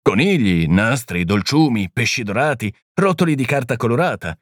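A man reading the part of a small, gentle priest-detective who explains things calmly and patiently. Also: mid-range voice, normal speed, no room sound, clean studio sound, natural voice. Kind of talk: audiobook reading.

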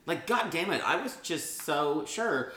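A man's voice: on the high side, measured pace, roomy sound. A man in his thirties, podcast co-host, telling bawdy stories with lots of laughter. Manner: bawdy, laughing, animated storytelling. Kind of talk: crude comedic banter.

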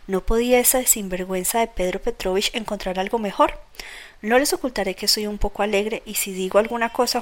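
A woman's voice: medium pitch, natural voice. Woman narrator voicing a boisterous young man, blunt, talkative, loyal, storybook reading.

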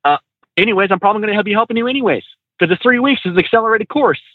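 Laid-back trucker guest on a tinny line. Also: male voice, sits high, lively intonation, very fast, no echo. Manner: laid-back, slangy, many fillers and restarts. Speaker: truck driver trainer, guest. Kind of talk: casual storytelling.

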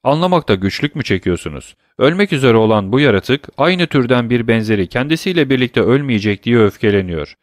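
A man's voice: mid-range voice, expressive, a little fast, few pauses, no echo, clean studio sound, close to an everyday voice. A man reading as a cold, scornful count. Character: cold, sardonic aristocratic count, male, scornful of mankind.

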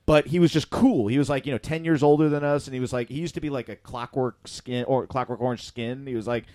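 A man's voice: mid-range voice, fairly even intonation, fast talker, darkish tone, dry recording. A man on a casual podcast, rambling through a story with many fillers and restarts. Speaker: podcast host. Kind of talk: casual chat.

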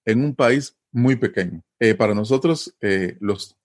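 A man's voice: on the low side, measured pace. A man from Costa Rica with a Costa Rican Spanish accent, explaining things in a conversational interview and often checking in with tag questions.

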